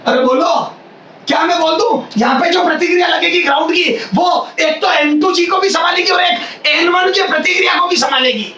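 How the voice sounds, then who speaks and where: A man teaching physics to a room of students, his high, bright voice pushed to near-shouting as he drills each point over and over. He is recorded from a distance in an echoey classroom, with a faint hiss behind him. He keeps checking that the class is following along. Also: moderate pace. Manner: loud, near-shouting delivery, repeats phrases and quizzes students. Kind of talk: classroom lecture.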